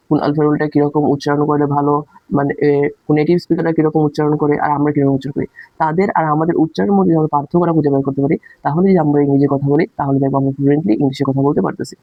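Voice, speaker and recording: A man's voice: a little high, steady tone, racing, no echo, muffled recording. A man giving a casual spoken English lesson, explaining with rhetorical questions and sounding out letters aloud. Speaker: English teacher.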